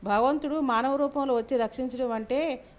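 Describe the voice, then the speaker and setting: A woman voicing a gentle bedridden young man. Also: high-pitched, normal speed, lightly acted. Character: young man recovering in bed, gentle and teasing.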